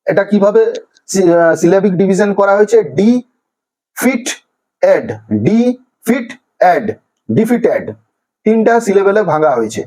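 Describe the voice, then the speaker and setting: A man from Bengal teaching a primary school English lesson, sounding words out slowly syllable by syllable. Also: high-pitched, darkish tone, low-quality recording. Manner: slow, drawn-out pronunciation of each word by syllables. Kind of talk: classroom lesson explaining vocabulary.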